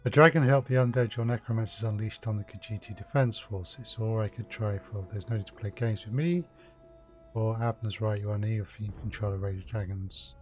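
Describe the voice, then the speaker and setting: A man with a fairly low voice is streaming a game. He reads dialogue aloud and adds live commentary, with soft music in the background. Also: normal speed.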